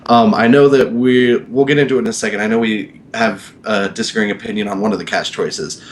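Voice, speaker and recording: A man's voice: fairly low pitch, steady tone, brisk, slight background noise. A man in his mid-twenties chatting casually on a podcast, rambling with lots of fillers and swearing freely. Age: 20s. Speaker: podcast co-host. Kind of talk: casual chat.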